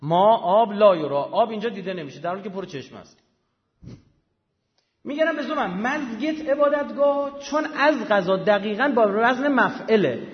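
A high-pitched man gives a live lecture with emphatic delivery, often stopping to quiz his listeners. His voice rings with a long reverb, as in a large hall. The recording sounds dull and lo-fi. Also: very animated. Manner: emphatic, quizzes listeners with quick questions.

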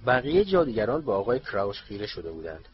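A man reading an audiobook in steady, measured scripted narration, on a dull lo-fi recording with faint hiss. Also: fairly low pitch.

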